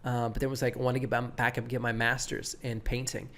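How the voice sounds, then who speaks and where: A man's voice: mid-range voice, fast talker. Laid-back man with a surfer-like voice. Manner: animated, quotes people, many restarts. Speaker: pastor and podcast guest. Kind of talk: casual storytelling interview.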